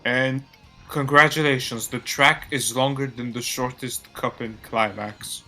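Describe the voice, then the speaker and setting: A man's voice: mid-range voice, fairly even intonation, unhurried, sharp tone, soft background music. A man hosting a game live stream in casual chat, rambling with a slurred-sounding delivery while hiccuping.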